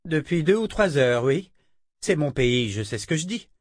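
A man's voice: a little high, sing-song, moderate pace, no room sound, pitched above the performer's own voice. This is a grumbling, stubborn tribeswoman in an audiobook, as a male reader puts her on. She whines and insists in a lifted voice. The sound is close and dry. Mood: insistent. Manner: complaining, petulant. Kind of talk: audiobook character voice.

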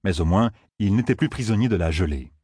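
Male audiobook narrator, very low, husky, dry close sound, measured. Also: animated, warm tone, dry recording. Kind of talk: scripted narration.

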